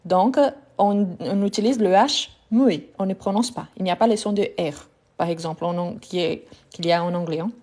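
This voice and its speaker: A woman's voice: fairly low pitch, normal speed, mellow. A woman teaching a live online French lesson, patiently repeating each word to drill pronunciation and speaking directly to her viewers.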